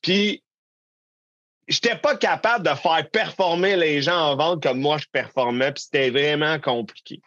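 A man in his thirties with a Québécois French accent co-hosts a business podcast, keeping the talk casual, candid, emphatic and full of slang. His voice sits on the high side with a fairly bright tone, and he speaks a little slowly. The recording is dry, with the highs cut off.

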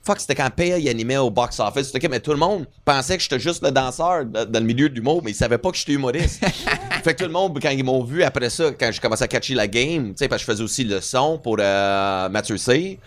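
Animated swearing male comedian storyteller. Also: medium pitch, fast. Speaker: stand-up comedian. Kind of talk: casual podcast chat.

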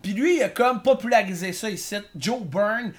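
A guest with a Québécois accent, talking in comedic interview banter with a rambling, hesitant delivery full of fillers and a deadpan, mock-serious way of boasting. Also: medium pitch, moderate pace. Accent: Québécois French.

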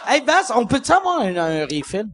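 A man's voice: extremely high pitch, wildly swooping pitch, normal speed, noisy background. A man with a Quebec French accent hosting a casual chat, joking and laughing often.

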